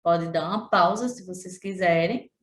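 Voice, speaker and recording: A woman teacher from Sergipe with a Brazilian accent, giving a remote lesson to children, repeating points and drawing out syllables. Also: lowish voice. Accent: Brazilian Portuguese, Sergipe. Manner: slow, drawn-out syllables when pronouncing example words; addresses pupils directly, repeats points. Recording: echoey room.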